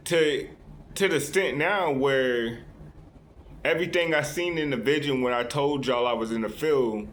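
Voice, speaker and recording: This man has a mid-range, fairly bright voice and talks at a moderate pace, with a little hiss or hum in the recording. As a vlogger, he confides earnestly in his audience through a rambling, unscripted monologue full of restarts and tag questions of "right?"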